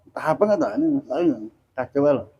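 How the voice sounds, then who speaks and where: A man teaches a religious study class, talking in a loose, chatty way and answering his own questions. His voice is husky and mellow. The recording sounds muffled and lo-fi. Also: mid-range voice, animated, rapid-fire. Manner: chatty, explains with questions and repeated dhikr phrases.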